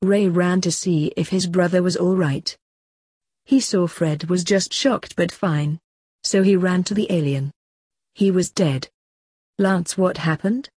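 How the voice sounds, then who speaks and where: A woman reading a sci-fi story aloud as narrator, in a steady, plain manner with a husky voice. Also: lowish voice, unhurried, dry recording.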